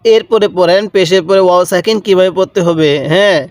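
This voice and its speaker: A man's high, steady voice with a darkish tone guides listeners through reading Quran letters step by step. His manner is patient and repetitive, with syllables drawn out, and the studio-quality recording is dry.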